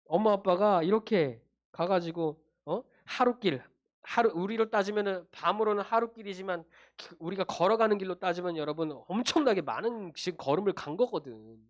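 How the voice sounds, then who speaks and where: A man's voice: high-pitched, normal speed. A junior pastor giving a children's sermon, telling a story and often checking in with his young listeners. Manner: animated storytelling, addressing kids directly with tag questions.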